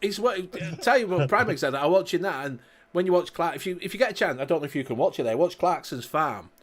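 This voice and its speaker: A man's voice: on the high side, expressive, fast. A man from Leeds with a Yorkshire accent, chatting casually and matily as co-host of an online show, using colloquial dialect. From Leeds, Yorkshire, England. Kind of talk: casual banter among friends.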